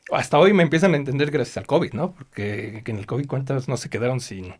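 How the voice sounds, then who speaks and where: Talking fast in a mid-range voice with a breathy edge, a middle-aged man with a Mexican accent recounts stories during a casual interview. He's a race team's chief mechanic and animatedly performs the quoted lines of other people.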